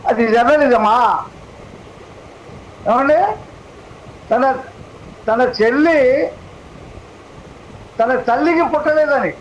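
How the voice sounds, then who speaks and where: A man's voice: extremely high pitch, takes it slowly, pauses often, slight background noise, poor audio. A man arguing as a panelist in a TV debate, accusatory and firing rhetorical questions. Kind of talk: heated TV debate argument.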